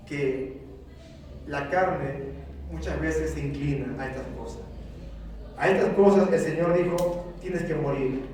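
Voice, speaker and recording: A man's voice: a little high, a little mellow, slight background noise. A man preaching a sermon to his congregation, speaking fervently and asking them questions. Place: church sanctuary. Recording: very echoey church, mic at a distance.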